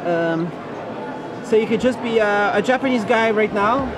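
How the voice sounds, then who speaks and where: High-voiced male interviewer behind the camera. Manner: eager, rapid follow-up questions. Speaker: video interviewer and show host. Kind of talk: casual trade-show interview. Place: busy indoor trade-show hall. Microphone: camera mic, speaking from behind the camera. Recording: loud expo crowd and hall noise. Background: loud crowd chatter and hall noise.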